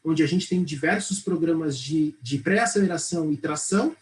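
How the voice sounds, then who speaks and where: High-voiced Brazilian man explaining startups. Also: normal speed, rough recording. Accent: Brazilian Portuguese. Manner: fluent, explanatory, frequent "né" and "tá" tags. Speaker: interview guest, startup accelerator operations head. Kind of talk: TV studio interview.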